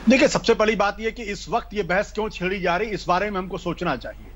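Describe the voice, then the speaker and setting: A man's voice: high-pitched, fast. A male panelist in a political debate, arguing through pointed rhetorical questions.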